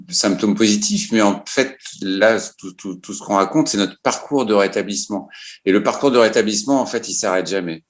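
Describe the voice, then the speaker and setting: A man answering a panel question slowly, hesitating with many fillers. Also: fairly low pitch. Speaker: panel speaker.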